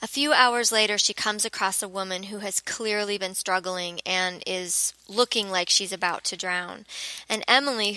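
Woman, storyteller, expressive reading, bright tone, dry recording. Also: medium pitch, dry recording, poor audio. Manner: expressive, dropping quiet for grim moments. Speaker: narrator.

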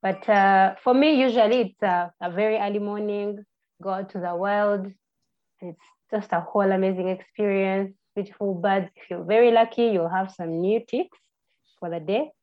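A woman's voice: mid-range voice, steady tone. Ugandan woman, twenties, chatty podcast guest, a bit muffled. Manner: friendly, halting, with restarts and fillers. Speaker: podcast guest, birding tour guide. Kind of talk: casual interview answers. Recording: slightly muffled lo-fi audio.

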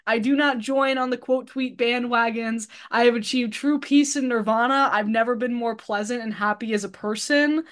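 Lady on a podcast, kinda high voice, rambles and roasts herself. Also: fairly even intonation, moderate pace, few pauses. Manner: rambling, self-deprecating, blunt. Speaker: podcast guest, YouTuber. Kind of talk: casual podcast chat.

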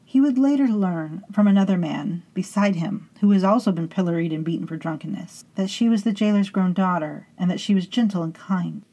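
A woman hosting and narrating a scripted horror story in a hushed, intimate way, sometimes sinking into whispers and calling her listeners beloveds. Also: on the low side, fairly quick, hardly any pauses, low-quality recording. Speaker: storytelling host.

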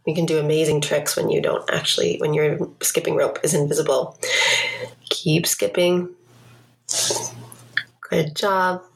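A woman's voice: sits low, level tone, unhurried, vocal fry, pauses often, rough recording. A woman leading an exercise class as a fitness instructor, giving cues and countdowns in an encouraging way. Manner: encouraging, coaching.

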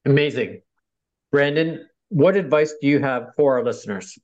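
Male host for a podcast, average pitch, a little band-limited and muffled. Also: moderate pace. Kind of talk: podcast hosting. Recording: dull, band-limited audio.

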